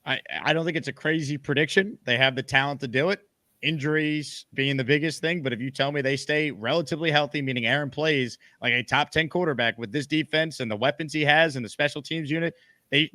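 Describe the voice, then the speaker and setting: A man's voice: medium pitch, fast talker, bright, forceful tone, no room sound. A man hosting a live sports call-in show.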